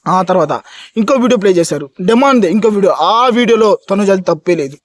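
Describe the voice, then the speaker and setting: A man delivers a reality-show review at a rapid clip, his voice sitting high. He is emphatic and keeps hammering his points home to the audience. The sound is close and dry. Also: lively intonation, no echo. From India. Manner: emphatic, talks straight to fans, repeats points. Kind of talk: fast opinionated review monologue.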